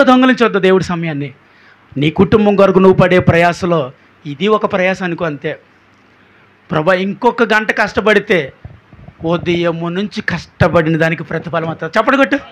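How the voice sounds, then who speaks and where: Bright high-voiced man preaching a sermon. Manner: preaching with rhetorical questions and calls for applause.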